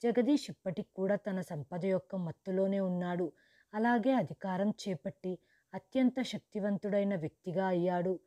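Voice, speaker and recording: A woman narrating a storybook in the first person as a grieving, widowed mother who lost her wealth, in a steady, measured reading. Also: medium pitch, no echo, lightly acted. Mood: sorrowful.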